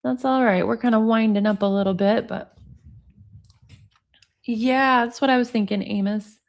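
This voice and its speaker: In a casual livestream, a woman in her forties reads text messages aloud and chats with viewers in the comments. Her voice is a little high and steady in tone, with normal speed and some vocal fry.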